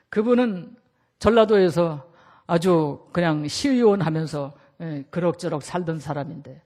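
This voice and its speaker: A man, a pastor, preaching a sermon in a church, emphatic and swinging between loud shouts and quiet lines. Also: high voice. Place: church sanctuary.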